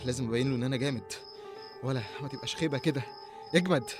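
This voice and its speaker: A young man with an Egyptian Arabic accent playing a frightened man lost in dark fields in an audio horror drama. He stammers and restarts in panicky, breathless talk to himself. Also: medium pitch, very fast, lightly acted. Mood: terrified. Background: faint music and chirping crickets.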